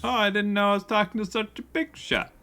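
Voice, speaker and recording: A man's voice: high voice, fairly even intonation, a little fast, bright, forceful tone, faint music behind. A man streaming a game, making playful, sarcastic asides as he plays. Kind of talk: casual gameplay commentary.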